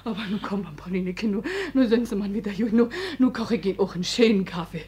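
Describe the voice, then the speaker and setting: A woman's voice: medium pitch, fast talker, dark tone, a little hiss or hum, natural voice. An actress playing a desperate, menacing middle-aged cleaning woman, who switches between coaxing and threatening, in 1950s radio play style. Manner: coaxing, then threatening, muttering under her breath.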